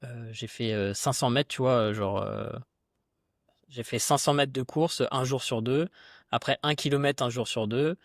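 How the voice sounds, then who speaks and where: A man talking as a podcast guest and fitness coach, in a chatty, relaxed, slangy way with lots of fillers. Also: medium pitch, moderate pace, no room sound, studio quality. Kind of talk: casual conversation.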